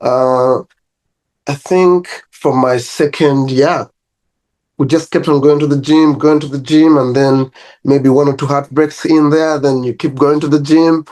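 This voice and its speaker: A young Ugandan personal trainer with a Ugandan accent chats easily as an interview guest, his voice on the high side and unhurried. In a casual interview he tells stories in a relaxed way, laughing between them and sometimes restarting.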